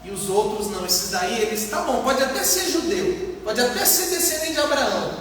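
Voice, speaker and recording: A Brazilian pastor preaches in an extremely high, animated, slightly bright voice at normal speed, explaining a Bible passage didactically and emphatically with rhetorical questions and repeated points. The recording has an echoey hall sound, a distant mic, and faint noise.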